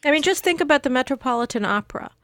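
A woman's voice: high voice, expressive, very fast, a bit bright, no room sound. Woman guest analyst, talk radio, emphatic, dry close sound. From United States. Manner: emphatic, argumentative, builds long sentences. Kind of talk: radio panel discussion.

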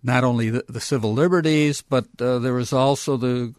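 An older man, an author being interviewed on radio, talking in a halting way with many fillers and restarts, then pressing his points hard. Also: mid-range voice, darkish tone, dry recording, studio quality. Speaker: author guest. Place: radio studio.

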